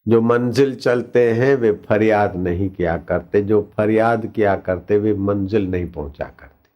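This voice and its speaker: A man's voice: lowish voice, a little slow. A man, a spiritual teacher, tells a devotional story in a sermon, repeating words for emphasis and acting out the lines of the people in it. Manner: vivid storytelling with repeated words and acted quotes. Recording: dull lo-fi recording.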